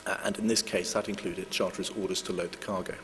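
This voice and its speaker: A very low-voiced man delivers a formal legal talk in a measured, hedging way, often pausing on filler sounds. His voice carries a long hall reverb, with a faint hum underneath. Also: little pitch movement, a bit bright. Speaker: lawyer giving a conference talk. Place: conference hall.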